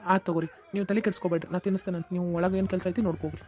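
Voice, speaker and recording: A woman's voice: lowish voice, level tone, racing, a little mellow, a little hiss or hum, close to an everyday voice. A woman voicing a wealthy, kindly middle-aged family friend in a cartoon, speaking earnestly in a North Karnataka Kannada accent. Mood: reassuring. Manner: earnest, reassuring, long explaining speeches. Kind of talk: cartoon voice acting.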